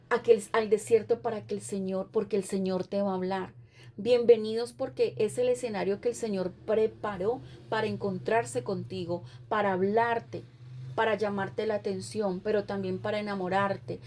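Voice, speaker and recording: Earnest woman pastor preaching, mellow tone. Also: medium pitch. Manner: earnest, repetitive preaching cadence. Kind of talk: sermon.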